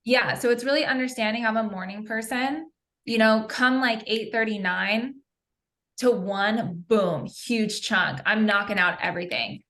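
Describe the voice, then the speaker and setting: A woman, a software engineer, talking through her workday in a chatty, upbeat way with students on a panel. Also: on the high side, unhurried. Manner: upbeat, chatty, many "like" and "you know" fillers. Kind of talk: casual panel talk with students.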